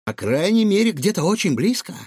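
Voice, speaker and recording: A man voicing a small, clever, excitable male raccoon in a squeaky, eager voice for a storybook. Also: a little fast, slightly rough, no room sound, clean studio sound, full character voice. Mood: excited.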